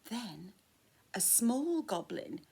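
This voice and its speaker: A woman reads a children's picture book aloud at a very slow, deliberate pace. Her voice climbs and dips expressively, and she hushes to a whisper to build suspense. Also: medium pitch, very animated, gravelly, slightly rough. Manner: dramatic, dropping to whispers at tense moments. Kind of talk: reading a children's story aloud.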